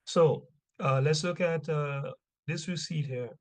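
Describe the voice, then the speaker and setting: In an informal religious history class, a man with a slightly high voice takes his time reading texts aloud. He punctuates his points with rhetorical questions and short check-in tags.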